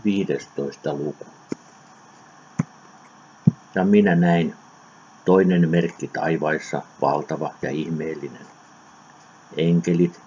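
Man reading scripture aloud, extremely low and dark voice, measured delivery, dull lo-fi recording with faint hiss. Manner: measured, deliberate reading with occasional slips. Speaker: scripture reader. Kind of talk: solemn audiobook scripture reading.

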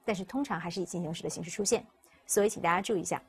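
Husky-voiced woman teaching vocabulary. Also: on the low side, very fast. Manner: explaining step by step, repeating words for students to follow. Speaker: English teacher. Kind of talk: recorded vocabulary lesson.

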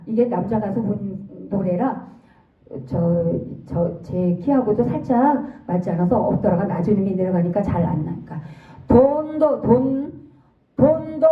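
A woman's voice: medium pitch, reverberant, far from the mic, narrow, tinny audio. A woman teaching a song class, singing short phrases, counting in and patiently correcting how they are sung. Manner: patient, demonstrating lines then correcting them. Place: senior welfare center class video.

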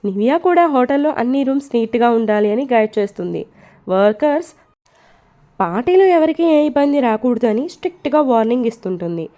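A woman storyteller reading a romance story aloud in a steady, even storytelling manner. Her voice sits a little high and sounds mellow and soft-edged. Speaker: narrator. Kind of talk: scripted story narration.

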